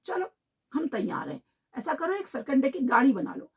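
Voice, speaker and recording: A woman's voice: high voice, wildly swooping pitch, normal speed. A woman voicing a cheerful male frog who breezily reassures a friend. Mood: reassuring.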